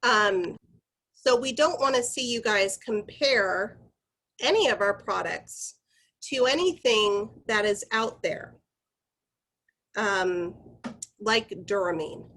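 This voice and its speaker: A woman's voice: mid-range voice, slow, pauses often, a bit bright, low-quality recording. A woman giving an informal corporate training presentation, explaining guidelines in a conversational, instructive way and addressing her group directly.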